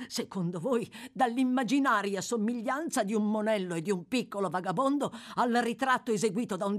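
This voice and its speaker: A woman's voice: mid-range voice, voice pushed up, close to an everyday voice. A woman voicing a scheming man who answers in a defiant, sneering way.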